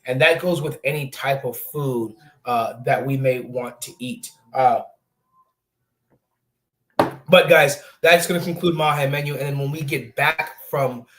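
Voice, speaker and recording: Hosting a relaxed sports show, this twenty-something man speaks in a mid-range, fairly bright voice at a measured pace. His talk comes in loose, rambling stretches packed with fillers and restarts as he steers the chat among guests, with slight background noise present.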